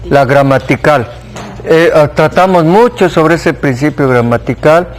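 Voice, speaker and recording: A man's voice: fairly high pitch, unhurried. Mexican man teaching a Bible class. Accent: Mexican Spanish. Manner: conversational, asks the class questions, repeats for emphasis. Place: church classroom.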